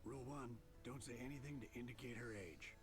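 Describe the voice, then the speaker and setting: A man's voice: mid-range voice, fairly quick, music in the background, close to an everyday voice. An actor voicing a friendly, easygoing food delivery man in a video game, chatty and folksy. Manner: chatty, folksy, giving warnings.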